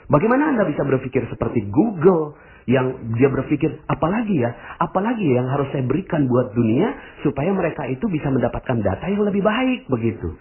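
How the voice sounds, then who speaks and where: A man in the middle of a spirited religious motivational talk on the radio, his pitch leaping up and down as he speaks straight to his listeners. He slips into higher voices to act out the people he quotes. The sound is thin and tinny, like a phone line. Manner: addresses listeners directly.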